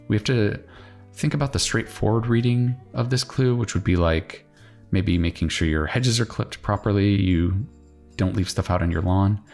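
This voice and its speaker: Low-voiced man thinking out loud. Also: creaky. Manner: thinking out loud, musing and questioning himself as he works. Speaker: crossword solver hosting a solve-along video. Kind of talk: casual puzzle commentary. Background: plucked guitar music.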